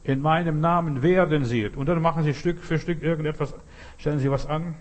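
A man's voice: on the high side, steady tone, brisk. A man preaching a sermon, talking straight to his listener in short, emphatic, repeated phrases. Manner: earnest, direct address to listener.

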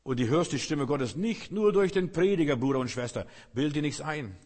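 A middle-aged man, a pastor, preaching a sermon with emphatic swings between loud calls and hushed, drawn-out phrases. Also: fairly high pitch, lively intonation. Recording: long reverb of a large hall.

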